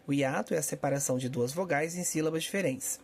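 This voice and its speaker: A man's voice: on the high side, quick pace, a little mellow, a little hiss or hum. A man teaching a Portuguese grammar lesson for exam prep, explaining step by step and checking in with his students.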